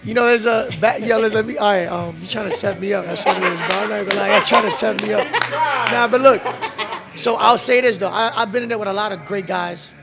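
A man in his twenties, a professional boxer, answering interview questions in a relaxed, slangy way with a handheld mic in a boxing gym. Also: high-pitched, fast talker, vocal fry, loud music behind the voice. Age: 20s. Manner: relaxed, street slang, many "bro" and "um". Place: boxing gym beside a ring, indoors.

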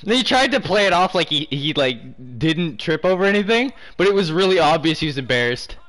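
A man's voice: on the high side, lively intonation, brisk, fairly bright tone. A young man in casual gaming chat, trading crude, sweary banter. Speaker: online hockey game player.

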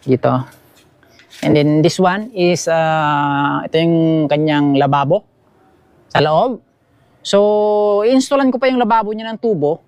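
A man with a Filipino accent and a fairly high, slightly mellow voice gives a chatty tour of a small bamboo house outdoors, speaking slowly with frequent pauses and often saying "guys" as he points things out to viewers. He films on a handheld action camera, and the clean audio has no room sound and cut-off highs.

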